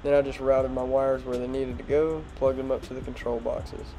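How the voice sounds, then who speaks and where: Over background music, a young man with a congested nose explains his truck build in a home garage vlog voiceover. His mid-range voice moves at normal speed, and his talk is laid-back and straightforward, with fillers along the way.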